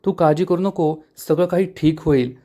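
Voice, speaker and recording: A man plays a protective mother in a retold serial, gently soothing her daughter. The voice sits fairly high for a man, and she talks kindly and reassuringly. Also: moderate pace, lightly acted.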